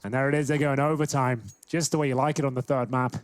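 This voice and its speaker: A male esports caster gives live play-by-play in a medium-pitched voice. The recording is clearly noisy, with game gunfire behind the commentary. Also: level tone, fast.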